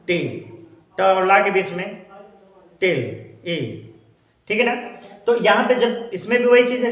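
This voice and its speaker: A man teaching English pronunciation, explaining slowly and repeating example words with drawn-out vowels. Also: high-pitched, fairly bright tone, roomy sound. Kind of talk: Hindi-language English phonetics lesson.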